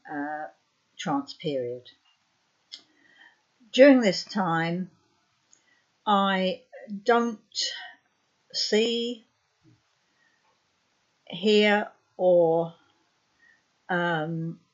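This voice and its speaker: A woman in her fifties with a sore throat, a trance medium explaining her work to camera, hesitant with many fillers. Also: on the low side. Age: 50s. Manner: slow and hesitant, many ums and uhs. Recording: dull lo-fi sound.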